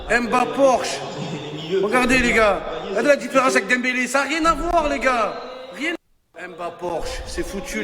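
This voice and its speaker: A man reacting emotionally to a live football match, ranting and repeating himself with profanity, swinging between muttering and screaming. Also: very high voice. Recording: echoey reverberant room, crowd noise.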